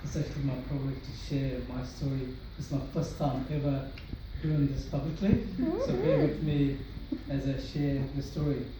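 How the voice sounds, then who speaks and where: A young Sri Lankan man gives an earnest personal testimony to an audience in a large room, his medium-pitched voice very animated at a normal speed. He restarts often and uses many fillers. The echoey hall recording catches him from far off, with heavy background noise.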